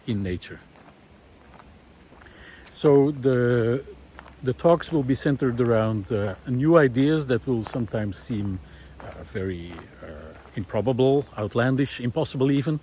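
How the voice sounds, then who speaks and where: This man's mellow, mid-range voice carries his spontaneous, reflective thoughts as he strolls among the trees, earnest and a little hesitant. He's a vlogger, environmental researcher and ex-visual artist, and the recording picks up the surrounding forest sounds.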